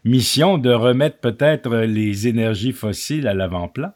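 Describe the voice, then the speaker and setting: A man hosting a radio interview, measured and hesitant, with many fillers. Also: medium pitch, a little mellow. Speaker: radio host.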